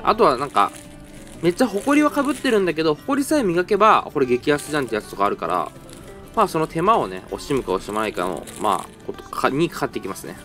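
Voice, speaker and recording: A young toy-hunting vlogger narrates his browsing through a flea market into a handheld camera in a parking garage, talking fast, rambling and correcting himself. His pitch jumps around in a lively, chatty way, with faint music behind him in this casual vlog.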